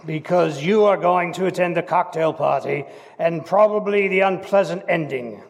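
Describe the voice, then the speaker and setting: A man's voice: high-pitched, moderate pace. A man playing an imperious, grumpy gourmet detective in a live old-time radio drama, curt and commanding. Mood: grumbling. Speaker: stage radio actor. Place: historic courthouse, live on stage. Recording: long reverb of a courthouse hall.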